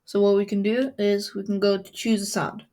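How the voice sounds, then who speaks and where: A woman as a coding tutor, explaining a software tool step by step in a screen-recorded tutorial. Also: medium pitch, little pitch movement, normal speed.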